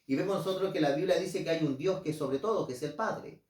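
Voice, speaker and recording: Guy preaching a bible lesson, earnest, keeps saying dear brothers, reads verses slow, mic kinda far off. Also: a little high, darkish tone. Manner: reads scripture slowly and deliberately. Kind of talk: bible teaching sermon. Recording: roomy, mic at a distance.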